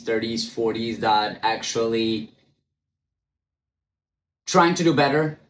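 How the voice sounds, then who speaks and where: On camera in a room with echo and faint ambience, a man with a mid-range voice and a little hiss or hum hosts his own podcast. He isn't a native English speaker and talks candidly and bluntly, stuttering, restarting, filling with ums and swearing casually every so often.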